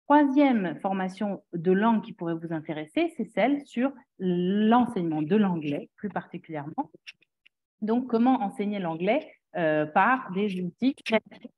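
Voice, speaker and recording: A woman's voice: mid-range voice, animated, normal speed, a little mellow. A woman gives an informal presentation of a teacher training programme, hesitating and rephrasing as she goes. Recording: dull, band-limited sound.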